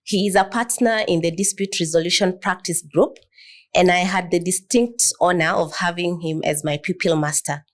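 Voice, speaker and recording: A young woman from Kenya hosts the interview in a slightly low voice. She introduces the show and asks her questions in a poised, measured way. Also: fairly even intonation. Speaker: podcast host, lawyer. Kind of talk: interview hosting.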